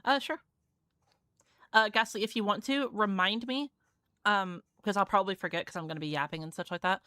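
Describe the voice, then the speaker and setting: A woman's voice: medium pitch, brisk, pushed and bright, clean tone, no echo, clean studio sound. Profane, chatty young woman streamer. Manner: loose and profane, heavy use of "like" fillers. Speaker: streamer hosting viewer games. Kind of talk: casual live-stream chat while gaming.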